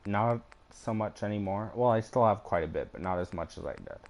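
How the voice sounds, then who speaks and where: A man's voice: fairly low pitch, expressive, brisk, creaky, a little mellow. A man casually talking through a game as a let's play host, rambling and swearing offhandedly, with the hiccups. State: has the hiccups. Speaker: gaming channel host.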